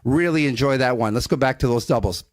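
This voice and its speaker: A man teaching auction bid calling, alternating rhythmic rapid chant drills with upbeat coaching remarks. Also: mid-range voice, no echo, clean studio sound.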